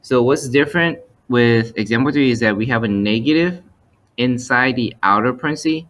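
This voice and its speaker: Male instructor, average pitch, step-by-step explanatory screen-lesson narration with methodical repetition. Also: moderate pace, fairly bright tone. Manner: methodical, explanatory, repeats points. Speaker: math teacher. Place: voice-over for a screen recording.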